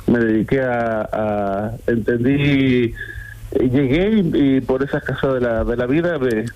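A man in his sixties with an Argentine accent, a builder calling into a radio show, friendly and talkative with halting restarts. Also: mid-range voice, no echo, muffled recording. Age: 60s. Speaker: caller, builder. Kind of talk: phone-in conversation.

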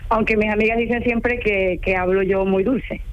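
A woman's voice: medium pitch, fairly even intonation, moderate pace. Woman, Ecuadorian accent, caller, chatty, earnest, dull lo-fi phone sound. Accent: Ecuadorian Spanish. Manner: talkative, earnest, laughs easily. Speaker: caller, home care assistant. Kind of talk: phone-in radio interview.

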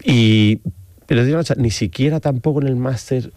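A middle-aged Spanish photographer with an Andalusian accent is a guest in a casual interview, his medium-pitched voice a little mellow at a moderate pace with no echo. He rambles hesitantly, with many fillers and restarts.

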